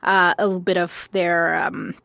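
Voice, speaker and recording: A woman's voice: on the low side, flat delivery, normal speed, creaky, fairly bright tone, dry recording. Chatty young woman from France. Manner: chatty storyteller, laughs often, acts out quotes. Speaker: guest, style consultant. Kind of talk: casual podcast interview.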